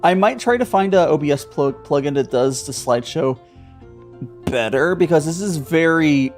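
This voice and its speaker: While playing a video game on a live stream, the streamer chats casually and playfully echoes the characters' lines. The voice is medium-pitched, expressive and darkish, at a moderate pace, with the game's music and dialogue playing behind it.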